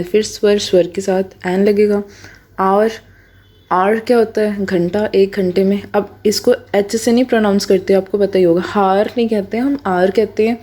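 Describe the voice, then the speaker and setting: A woman's voice: medium pitch, dark tone. A woman teaching English grammar in a patient, explanatory way, repeating key points and checking in with her listeners often. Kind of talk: explanatory lesson.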